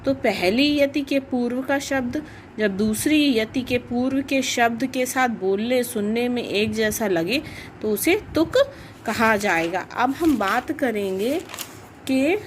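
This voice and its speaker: A woman teaching a grammar lesson to children, explaining slowly and repeating each definition. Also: on the high side, animated, a little hiss or hum.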